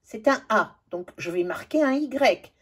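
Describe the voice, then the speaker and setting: A woman, a teacher slowly going over spelling exercises and spelling out letters one by one. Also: fairly high pitch, animated, slightly rough. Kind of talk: spelling lesson correction.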